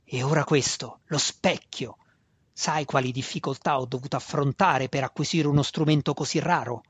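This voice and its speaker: Storybook villain: man voicing a cruel faceless drow wizard, husky gravelly snarl, slow menace. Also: medium pitch, steady tone, dry recording, natural voice. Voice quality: gravelly growl. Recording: dull dry lo-fi recording.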